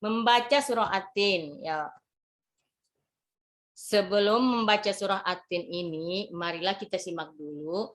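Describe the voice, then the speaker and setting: A woman speaks at a middling pitch as she teaches a class. She instructs in a motherly way, often repeating her words and phrases. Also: a bit bright. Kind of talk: classroom lesson on Quran reading.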